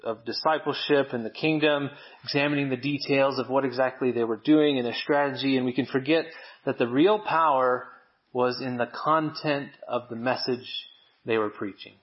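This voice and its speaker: Male preacher, relaxed storytelling sermon, mid-pitched voice, slightly dull church recording. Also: moderate pace. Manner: conversational, self-deprecating storytelling. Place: church service.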